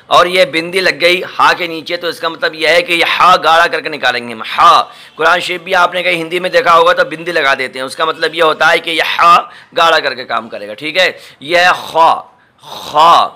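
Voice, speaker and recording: A man teaching the letters of the Quran as an imam, slowly repeating each sound and often checking that the learner follows. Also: on the high side, bright, forceful tone. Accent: Delhi Hindustani. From India. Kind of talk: patient step-by-step recorded lesson.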